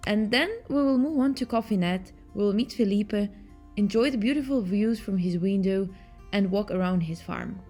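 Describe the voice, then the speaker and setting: A woman's voice: mid-range voice, moderate pace. A woman reading a scripted promotional introduction for a virtual trip. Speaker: narrator. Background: soft guitar music.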